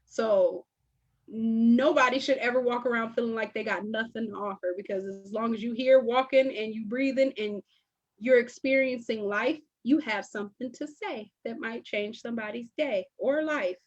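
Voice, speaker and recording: A woman hosting a casual talk show, relaxed and conversational, sometimes drawling her words slowly. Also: on the high side, muffled recording. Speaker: host. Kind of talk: casual chat.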